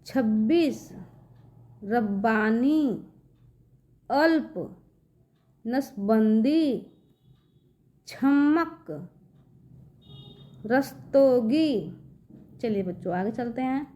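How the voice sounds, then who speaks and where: A woman's voice: a little high, lively intonation, drawn-out words, long pauses, mellow, reverberant. A woman teaching a reading lesson to children, patiently repeating words and addressing them often.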